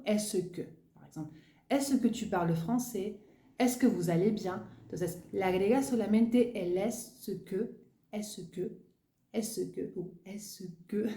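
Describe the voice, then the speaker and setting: A woman's voice: mid-range voice, mellow. A woman teaching French grammar in a lesson, explaining patiently and repeating example questions with rising intonation. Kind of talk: language lesson switching between French and Spanish. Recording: echoey room.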